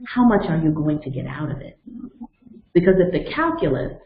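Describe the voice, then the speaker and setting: The sound is echoey and narrow, almost like a phone call, as a webinar facilitator in her fifties talks in a low, sing-song voice at an ordinary speed. She earnestly guides listeners step by step and mixes in personal anecdotes to motivate them.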